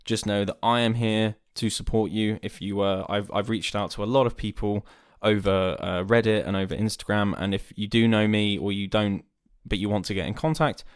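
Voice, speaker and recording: A man hosting a podcast, talking earnestly and rambling a little, swearing casually, from a dark room. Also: on the low side, no room sound, clean studio sound. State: hiccuping. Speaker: podcast host. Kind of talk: casual podcast monologue and chat. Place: dark room lit by candles.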